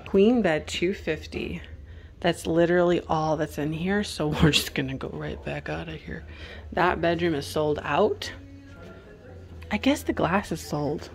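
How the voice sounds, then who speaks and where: A chatty woman narrates as she browses a house sale, talking to the phone in her hand in a low-ish, easy voice. She exclaims often and thinks aloud about what things cost. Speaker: vintage reseller vlogger. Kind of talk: casual walk-through narration. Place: indoors at a house estate sale.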